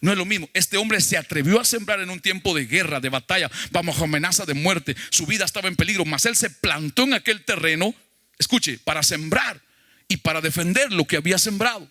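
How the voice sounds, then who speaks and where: A man's voice: sits high, expressive, a little fast, sharp tone, no room sound, studio quality. A male pastor preaching a sermon emphatically, putting questions to the congregation.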